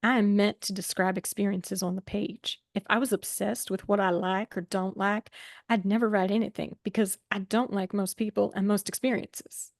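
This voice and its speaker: A woman's voice: mid-range voice, steady tone, normal speed, dry recording, lightly acted. A woman playing a gloomy, blunt young female writer with a Southern accent, reading an improvised script. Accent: American Southern. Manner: blunt, dry, contrary. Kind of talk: improvised role-play reading.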